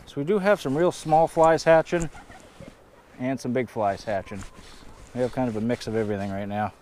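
Speaking at a normal speed in a mid-range, slightly mellow voice, a New England-accented man narrates his river fishing with upbeat play-by-play. The fishing vlogger talks casually to camera outdoors on a rocky riverbank. His head-mounted action camera records faint river and wind noise.

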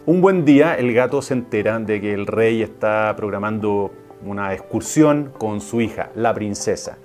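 A man's voice: lowish voice, normal speed, darkish tone, faint music behind. A man, a teacher, telling a fairy tale in a chatty, casual way, correcting himself and adding wry asides. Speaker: teacher and storyteller.

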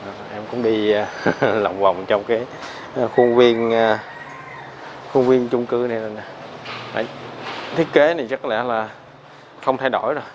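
A man's voice: mid-range voice, steady tone, measured pace, long pauses, highs cut off. A man with a southern Vietnamese accent giving a casual, hesitant walking tour as a vlogger. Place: outdoors, apartment stairways and narrow alleys. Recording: noisy outdoor street ambience, animals, vehicles.

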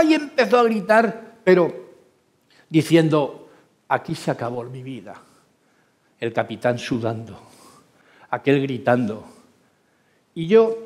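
A man's voice: medium pitch, a little mellow. A middle-aged man, a former helicopter pilot, telling his faith testimony as a sermon, moving from vivid storytelling to fervent exhortation.

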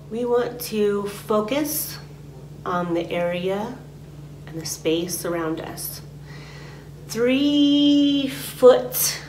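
A woman teaching a guided meditation, speaking softly and often dropping to a whisper. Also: medium pitch. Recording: roomy recording with a steady hum.

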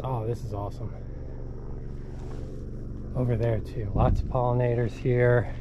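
Out on a bayside farm, a middle-aged hiking vlogger narrates his walk in a relaxed, talkative way, stopping to read signs out loud. His pitch sits in the medium range, and background noise can be heard.

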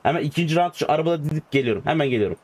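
A young man giving casual gameplay commentary as a YouTuber, swinging between loud excited outbursts and low muttering. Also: very fast, no room sound. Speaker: gaming YouTuber. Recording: clear background noise. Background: game car sounds.

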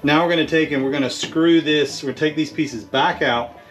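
Faint music plays behind a middle-aged homesteading host whose voice sits on the high side and moves briskly. He films himself by a chicken coop with a handheld camera at arm's length, giving casual, practical, step-by-step explanations.

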